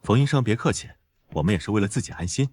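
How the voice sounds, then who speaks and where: A husky, steady soldier husband, clipped and calm. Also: male voice, fairly low pitch, rapid-fire. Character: protective young husband, a tough ex-soldier.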